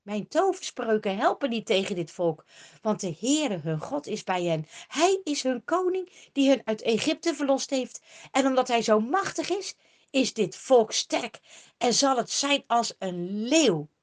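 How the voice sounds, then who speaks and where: A woman's voice: on the high side, very animated, a little slow. A woman doing a solemn old soothsayer declaiming. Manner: earnest, declaiming.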